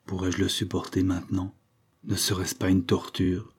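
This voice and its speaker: Earnest young viscount read by a man, measured, husky and low. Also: monotone. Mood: troubled, urgent.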